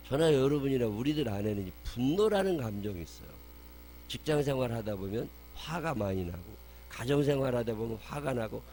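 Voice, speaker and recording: A man's voice: medium pitch, a little mellow, slight background noise. A man pastor giving a sermon, posing rhetorical questions and answering them with emphatic repetition. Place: church.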